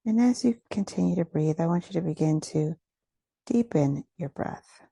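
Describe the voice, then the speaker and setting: A woman guides a meditation with gentle, soothing instructions, taking her time and leaving pauses. Her voice sits on the low side and sounds creaky and husky, and the recording is dry.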